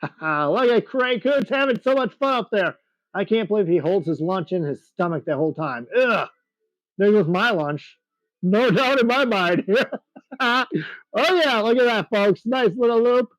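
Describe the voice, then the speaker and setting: A man giving excitable, chatty live commentary on an air show, laughing often. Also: high voice, normal speed, no echo, rough recording.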